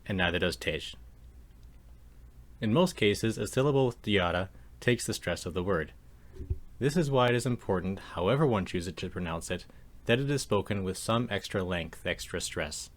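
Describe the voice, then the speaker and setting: A man teaching a language lesson over slides, explaining calmly and slowing down to demonstrate sounds. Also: low voice. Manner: calm, measured explanation with slow demonstrations of sounds.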